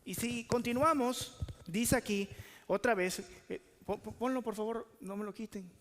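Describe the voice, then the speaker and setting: A man's voice: sits high, measured pace, long reverb tail. A man preaching a sermon as pastor, asking the congregation questions and calling for answers.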